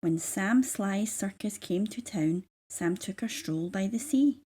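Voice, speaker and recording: A woman reading a children's story aloud in measured, rhythmic verse. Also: medium pitch, dark tone, husky. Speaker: storybook reader.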